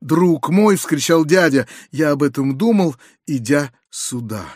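A man's voice: a little high, expressive, a little slow, darkish tone, no room sound, studio quality. A man doing a flustered confiding uncle. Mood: desperate. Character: anxious kindly middle-aged uncle, flustered and confiding. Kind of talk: audiobook reading.

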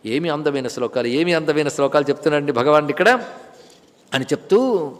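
Male preacher, high voice, lively: bursts of emphasis, hushed asides, slow chanted verses. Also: long reverb tail. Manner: animated, swings between loud exclamations and soft asides, chants Sanskrit verses slowly. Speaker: spiritual discourse speaker. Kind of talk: devotional sermon on scripture.

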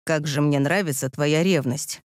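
A woman voicing a domineering man in an audiobook, speaking in a low, husky, commanding murmur. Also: moderate pace, no room sound, studio quality, close to an everyday voice. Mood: gloating. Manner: hushed, commanding. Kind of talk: audiobook character voice.

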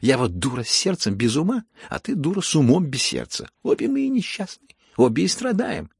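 A man's voice: medium pitch, sing-song, a little slow, gravelly, dry recording, studio quality, voice pushed up, full character voice. A man voicing an imperious, eccentric older general's wife who scolds her daughters in a raised, haughty voice. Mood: scolding.

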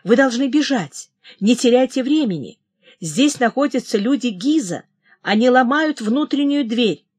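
Alarmed soldier shouting a warning, dry, read by a woman. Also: fairly high pitch, lively intonation, unhurried, slightly rough, dry recording. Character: frightened male soldier bursting in.

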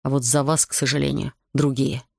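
A male narrator gives voice to a hardened former soldier and fisherman who speaks curtly and sarcastically. The voice is gravelly, dry and close to the mic. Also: medium pitch, level tone, brisk, no room sound. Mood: sarcastic, blunt.

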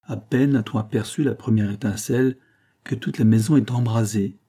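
A man narrating an old novel aloud with steady, measured phrasing. His voice sits low and dark, with a husky grain. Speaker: audiobook reader. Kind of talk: reading a 19th-century novel aloud.

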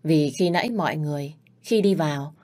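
A woman narrating a first-person story in a steady, intimate telling. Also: sits low, brisk.

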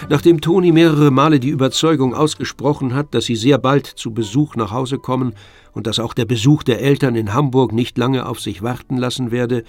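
A man with a mid-range voice reads scripted literary narration for a radio drama. His manner is measured, like a storyteller.

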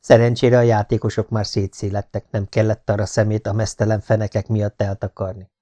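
A man's voice: fairly low pitch, level tone, dark tone. Man narrating an audiobook steadily.

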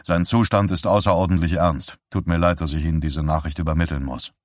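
A man's voice: deep voice, fairly even intonation, dry recording, studio quality, natural voice. A man doing a formal police sergeant. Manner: measured, formal, businesslike.

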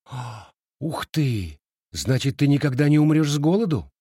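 Brief: teasing, hot-headed young village girl, voiced by a male reader, raised and sharp, dry close sound. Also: a little high, lively intonation, normal speed, dry recording, pitched above the performer's own voice. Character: bold teasing village girl, quick-tempered.

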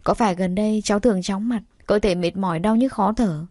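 A woman voicing a gentle, apologetic middle-aged male doctor in an audio story, soft and measured. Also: medium pitch, no room sound, studio quality, lightly acted.

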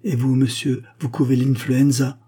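A man's voice: medium pitch, flat delivery, moderate pace, dark tone, breathy edge, pitched above the performer's own voice, close to an everyday voice. A man voicing a fretful old governess. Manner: anxious, lamenting. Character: old fussy governess woman, fretful servant.

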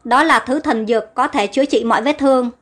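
A woman voicing a tender, possessive adult man who speaks softly. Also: sits high, fairly quick, faint music behind.

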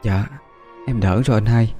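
A scared, grieving young country girl, voiced by a man, in a mellow, warm tone. She talks softly and haltingly, as in an audio ghost story, with faint music behind. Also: on the low side, fairly even intonation, highs cut off, lightly acted. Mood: weak. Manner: soft, halting, tearful storytelling.

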